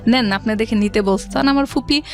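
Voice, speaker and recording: Speaking briskly in a fairly high voice, a woman from Rajshahi recounts her life story as a radio guest, her Bangladeshi accent clear and English words woven into her talk. Background music runs under her voice.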